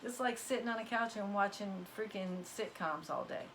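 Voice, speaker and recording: Speaking directly to viewers, a spiritual card reader gives a casual motivational talk in a voice worn hoarse, coughing now and then. Her pitch is an ordinary middle range, her tone fairly bright and her speed normal, with a little hiss or hum. She is emphatic, slightly preachy and fond of folksy phrases.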